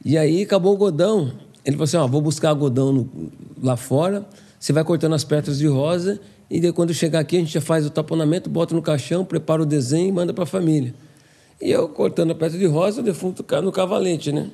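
Fast-talking man telling stories. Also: a little high, gravelly, breathy edge. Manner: animated, acts out quoted dialogue. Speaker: podcast guest. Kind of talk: casual storytelling.

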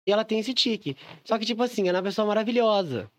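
A man guesting on a podcast as a drag singer, telling stories in an animated, gossipy way and laughing often. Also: high-pitched, racing. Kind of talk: casual chat.

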